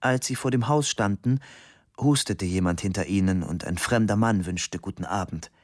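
A man reading a novel aloud as narrator, calm and measured. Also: low voice, dry recording, clean studio sound. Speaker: audiobook narrator. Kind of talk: scripted narration.

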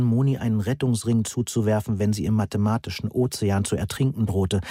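A man reading a novel aloud in the first person in an even, measured way. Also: fairly low pitch, breathy edge, no echo, studio quality. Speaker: audiobook narrator.

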